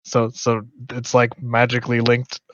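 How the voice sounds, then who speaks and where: A man's voice: mid-range voice, monotone, measured pace, a bit bright, no room sound. A man playing in a tabletop game, joking and wry in casual chat. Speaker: player. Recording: dull, dry lo-fi audio.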